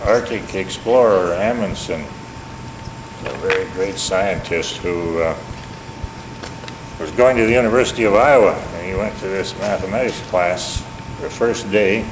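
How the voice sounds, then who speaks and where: Old guy in his 70s w upper midwest accent, lowish voice, folksy family memories, noisy home tape. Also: unhurried. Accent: Upper Midwestern American. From Minneapolis, United States. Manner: folksy, self-deprecating, wry. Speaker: family elder recounting memories. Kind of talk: informal oral history reminiscence. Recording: echoey, noisy home tape, background hum.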